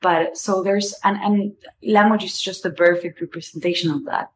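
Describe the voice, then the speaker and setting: Rambling and candid, a podcast host in her twenties talks through a personal monologue, casually dropping swear words. She has an Argentinian accent and Spanish as her native language. Her lowish voice moves at a moderate pace with fairly even intonation, over a little hiss or hum.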